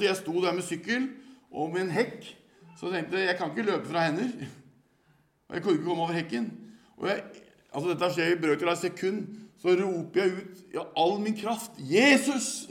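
A man's voice: sits high, creaky. An older man from Norway preaching a sermon in an earnest, storytelling manner.

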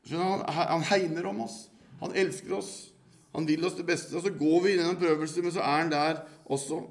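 A man's voice: a little high, steady tone. An older man from Norway preaching a sermon in an earnest, storytelling manner.

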